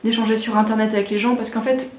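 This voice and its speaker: A woman's voice: a little high, flat delivery, fast, a little mellow, roomy sound. A woman in her thirties from Alsace, chatting casually and frankly as a vlogger, rambling with lots of fillers and restarts. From Alsace, France. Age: 30s. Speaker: vlogger answering viewer questions. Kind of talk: casual chat.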